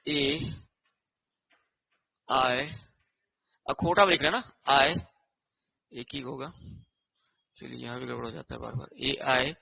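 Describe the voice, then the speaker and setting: A male teacher giving an online exam-prep lesson, explaining slowly while writing on a board and checking in with a repeated "isn't it" after each point. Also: mid-range voice, vocal fry, bright, forceful tone. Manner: repetitive, with a constant rhetorical "है ना" and "ठीक है".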